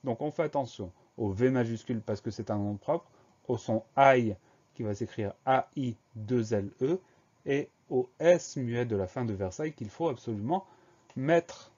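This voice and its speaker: A young man teaching a spelling lesson, spelling words out letter by letter with slow, careful dictation. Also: mid-range voice, a little mellow, lo-fi sound.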